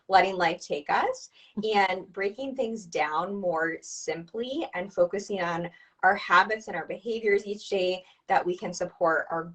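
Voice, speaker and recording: Upbeat woman coach, slightly distant mic. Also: lowish voice. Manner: upbeat, chatty, asks listeners to respond. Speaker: dietitian and nutrition coach. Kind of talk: conversational explainer, coaching advice.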